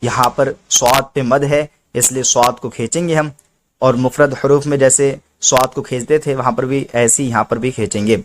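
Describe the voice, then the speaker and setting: Man, Quran reading teacher, patient step-by-step explanation, middle pitch, drawn-out recited letters. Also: steady tone, slight background noise.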